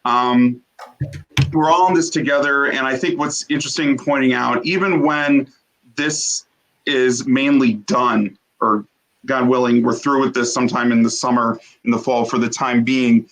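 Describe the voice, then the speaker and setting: A man hosting a theater show from home on a video call, talking in a halting way with many fillers, heartfelt and thankful. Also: medium pitch, a bit bright, rough recording. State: briefly emotional, coughing. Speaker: host. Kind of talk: casual closing remarks on a video call.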